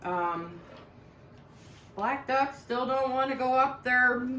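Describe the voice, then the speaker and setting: A woman's voice: high-pitched, takes it slowly, bright, forceful tone, recorded from a distance. A middle-aged woman co-hosting a homestead channel, chatting casually over dinner. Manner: chatty, conversational. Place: home dining room. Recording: roomy, from the mic, faint hiss.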